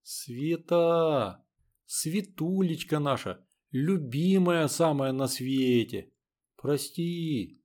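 A man's voice: a little high, drawn-out words, darkish tone. A man voicing a coaxing, pleading young woman.

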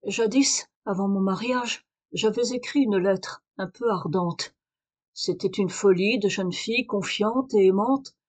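A woman's voice: medium pitch, a little mellow, lightly acted. A woman reader voicing a desperate aristocratic young wife in a French audiobook, pleading and urgent. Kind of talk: audiobook reading of a detective story.

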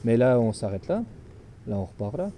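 A man's voice: mid-range voice, very animated, normal speed, over a noisy crowd. A man talking casually in a work debrief, with several others talking over him.

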